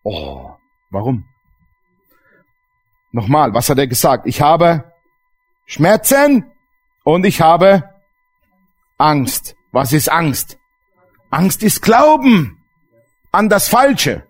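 A man's voice: on the high side, huge pitch swings, drawn-out words, long pauses, slightly rough. A man preaching a sermon as pastor, emphatic and asking the congregation questions.

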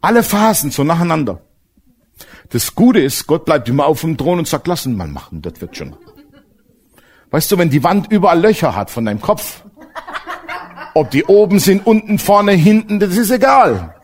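A man preaching a sermon to a congregation, animated and direct, asking them questions and mixing in humor. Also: on the high side, normal speed. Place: church service with congregation.

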